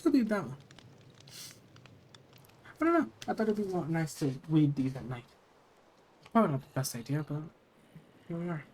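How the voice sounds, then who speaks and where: Someone reading scary stories out loud, medium pitch, hushed dramatic pauses, bit of noise behind. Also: animated. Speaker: host reading horror stories aloud. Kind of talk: horror story narration with casual asides. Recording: noticeable background noise.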